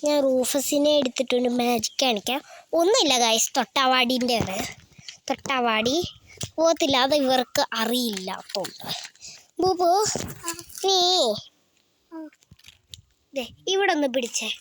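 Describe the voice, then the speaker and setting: A woman's voice: high voice, animated, unhurried, long pauses, slight background noise. A young woman chatting casually to viewers on a walking vlog outdoors, filmed on a handheld phone. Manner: chatty, addresses viewers as guys and urges them to subscribe. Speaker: vlogger and parent. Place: outdoors by the road near her house, windy.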